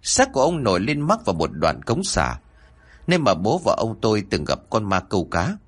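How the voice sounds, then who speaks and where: Husky guy narrating a scary story, pitch all over the place, dramatic reading. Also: huge pitch swings, normal speed. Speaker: horror storyteller. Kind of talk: scripted narration of a ghost story.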